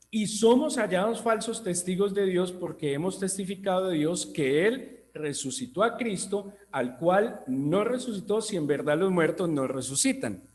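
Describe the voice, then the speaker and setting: A man from Colombia with a Colombian accent, preaching a sermon and stressing points with rhetorical questions; a tongue-tie makes his R sound guttural. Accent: Colombian Spanish. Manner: emphatic rhetorical questions, rising to high peaks.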